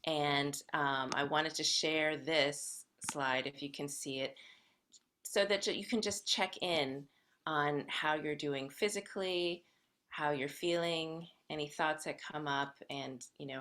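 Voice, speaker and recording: An American woman giving a workshop as a guest lecturer, explaining in measured phrases and speaking directly to her group. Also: sits low, steady tone, a bit bright. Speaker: guest lecturer in music education. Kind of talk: workshop presentation with gentle guidance.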